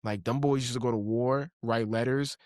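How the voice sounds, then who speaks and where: A young man co-hosting a podcast, talking in loose slang and telling animated stories with frequent laughs. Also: mid-range voice, normal speed, no room sound, clean studio sound. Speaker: podcast co-host. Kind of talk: casual chat.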